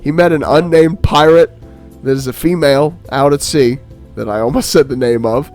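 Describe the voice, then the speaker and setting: Excitable rambling man, fairly high voice. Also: moderate pace, soft background music. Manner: excited, rambling, many fillers and restarts. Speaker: podcast co-host. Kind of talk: casual chat.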